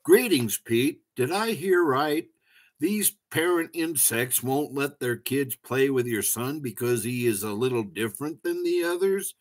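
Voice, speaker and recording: A man voicing a wise old male walking stick insect in a storybook reading, speaking calmly and kindly. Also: mid-range voice, measured pace. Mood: wise, reassuring.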